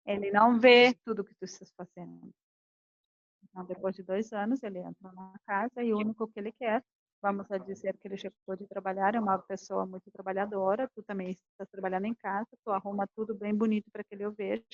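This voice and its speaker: Teaching a communication class, this coach brings couples' quarrels to life by acting out their quoted lines in an animated lecture. Her voice is medium-pitched, and the recording sounds muffled with no room sound.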